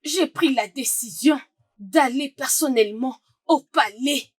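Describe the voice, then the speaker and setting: A woman's voice: sits high, measured pace, slightly rough, dry recording, studio quality. A woman dubbing a sly, meddling young friend who talks in a teasing, mocking way. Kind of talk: dubbed film acting.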